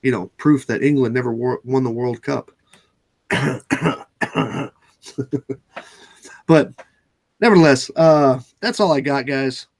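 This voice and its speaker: A man's voice: medium pitch, slow, gravelly, long pauses. A man hosting a casual chat, blunt and sarcastic, swearing freely and often restarting his sentences. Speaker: channel host.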